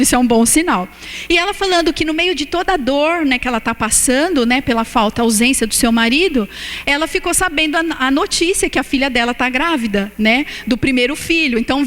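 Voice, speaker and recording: A woman in her thirties preaching a sermon as pastor, telling stories with feeling and slowing down for emphasis. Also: high voice, fairly bright tone. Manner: emotional storytelling, slows for emphasis. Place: church hall. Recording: reverberant church hall.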